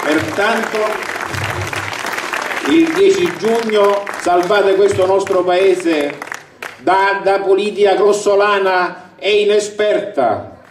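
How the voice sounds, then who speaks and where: An older man gives a declamatory, booming campaign speech from a balcony, reading with emphasis. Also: slow pace. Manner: declamatory, emphatic delivery to a crowd. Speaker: election candidate. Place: outdoor balcony over a town square at night. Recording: roomy, distant, noisy outdoor rally recording.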